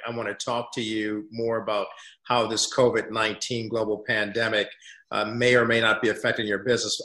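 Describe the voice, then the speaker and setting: A man's voice: fairly low pitch, pushed and bright, reverberant. A man in his sixties hosting a TV interview from a home study, speaking in a polished, encouraging broadcast manner. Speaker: TV news host.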